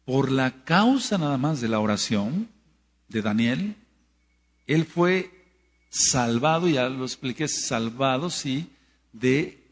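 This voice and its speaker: A man teaching a prayer course in sermon style, emphatic and repetitive, with bursts of loud exclamation. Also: medium pitch, in a large hall. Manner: emphatic, repeats phrases, rising to loud exclamations.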